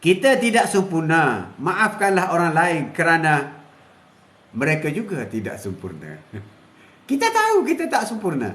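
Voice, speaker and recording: Chuckling older grandpa preaching. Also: male voice, a little high, huge pitch swings, normal speed, fairly bright tone. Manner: preachy and repetitive, chuckling often. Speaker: host. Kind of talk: live stream moral talk. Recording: echoey room.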